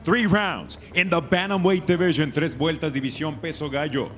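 A man working as a ring announcer in a dramatic lucha libre style, switching between two languages in a booming voice and stretching out names. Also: moderate pace, a little hiss or hum. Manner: alternates Spanish and English. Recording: loud music behind. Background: music.

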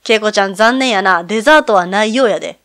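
A woman's voice: medium pitch, fast talker, fairly bright tone, close to an everyday voice. A woman voicing a brusque, stingy middle-aged man who owns a lodge, speaking blunt Kansai dialect in a video game reading. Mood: gruff.

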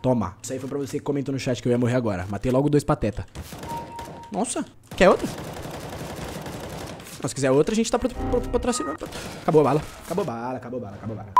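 A young man commentating his own gameplay live in quick, heavy banter with his chat. His voice is lively and jumps around in pitch. A faint hiss sits under it. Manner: slangy, excitable, joking banter with chat. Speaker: gaming streamer.

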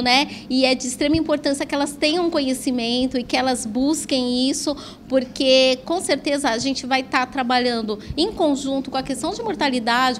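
Middle-aged lady health worker explaining stuff, kinda high voice, noisy room. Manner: explanatory, frequent tag questions. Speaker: health worker giving a talk. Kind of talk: interview. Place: classroom with projector.

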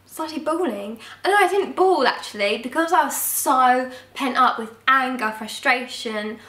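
A young woman telling a personal story in a casual vlog, frank and expressive, swearing now and then. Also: high voice, a little slow. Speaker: vlogger. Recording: roomy, mic at a distance.

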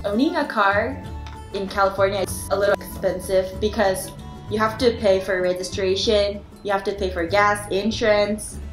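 A woman's voice: medium pitch, fairly even intonation, moderate pace. A young woman from Japan with a Japanese accent, speaking careful English with restarts as she talks about student life. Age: young adult. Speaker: dance student. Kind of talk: casual documentary talk. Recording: echoey, with music underneath.

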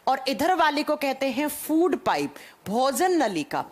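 A woman's voice: high-pitched, very animated, measured pace. A woman teacher giving a class to children. She explains step by step and asks questions, then answers them herself. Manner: addresses students as children. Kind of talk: live online class lecture.

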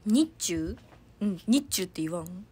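A woman's voice: mid-range voice, expressive, measured pace, a little mellow, slightly rough. A young woman, chatting casually and giggling on a livestream from her family home, reading out viewer comments. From Hiroshima, Japan. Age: young adult. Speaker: idol livestreamer.

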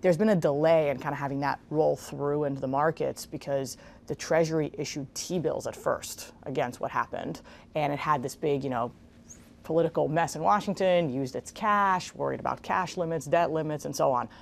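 Low, gravelly woman explaining steadily. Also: a little hiss or hum. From Israel. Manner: measured, explanatory, with casual fillers. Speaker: guest, investment executive. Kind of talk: TV interview. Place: large bright room with garden windows. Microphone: lapel mic.

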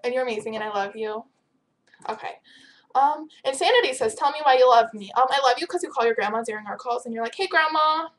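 A teenage girl chats casually on her webcam at home, reading out viewer questions in a giggly, teasing way. Her voice is a little high and she talks fast. The built-in webcam mic records her in a room with a bright window.

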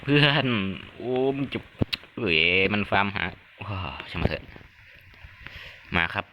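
A young man commentating his game at home, loud, excitable and crude, yelping at every surprise. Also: low voice, low-quality recording. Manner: loud, excitable, crude joking with frequent yelps. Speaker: gaming YouTuber. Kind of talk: Thai let's-play commentary. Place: home room during heavy rain. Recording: rain noise clearly audible behind voice.

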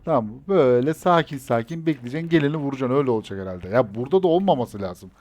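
His mid-range, slightly mellow voice is expressive and rapid-fire as he mutters to himself during gameplay, breaking into angry swearing outbursts. Gunfire from the game sounds behind him, along with a little hiss or hum.

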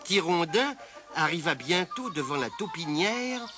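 A man reading a children's story aloud in a lively, expressive manner. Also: on the high side, a little slow. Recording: music playing behind.

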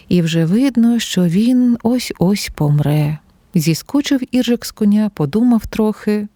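A woman narrating a fairy tale audiobook with calm, gently expressive storytelling. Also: mid-range voice, no room sound.

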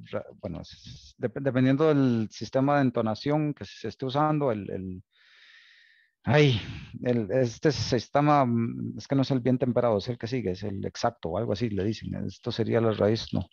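A man's voice: medium pitch, gravelly, warm tone, dry recording, lo-fi sound. A man giving a university lecture, thinking aloud, restarting phrases and often checking in with "¿Ok?". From Costa Rica. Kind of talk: recorded online lecture.

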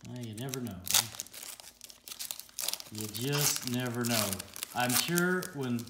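A man's voice: mid-range voice, expressive, slow. A man hosting a casual card unboxing, reading out each card and laughing often. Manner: chatty, laughs often, reads out card names. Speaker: card-opening channel host. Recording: roomy echo with faint noise.

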